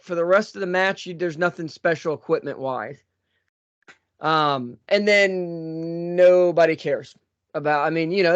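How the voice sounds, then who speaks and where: Breathless, high-voiced male podcast host. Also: no echo. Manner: rambling with many fillers and restarts. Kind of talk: casual show intro and chat. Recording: dull lo-fi dry sound.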